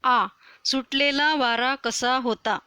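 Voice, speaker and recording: Slow, high-voiced woman teacher. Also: fairly even intonation, pushed and bright, smooth, no echo. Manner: slow, patient explaining to children. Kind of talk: explaining a school poem.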